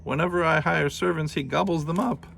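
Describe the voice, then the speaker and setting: A man voicing a huge, harried giantess who roars loudly. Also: on the high side, brisk, gravelly, a little hiss or hum, pitched above the performer's own voice. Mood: pleading. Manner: loud, pleading and bossy.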